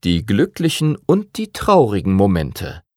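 A man reading the part of a patient older male teacher of dragon riders, speaking in a calm, measured, lecturing way. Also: lowish voice, no room sound, studio quality.

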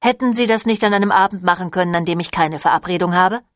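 A woman voicing a young male vampire in an audiobook, talking in a flustered, quick and defensive way. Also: lowish voice, no room sound, clean studio sound, lightly acted. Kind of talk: audiobook reading.

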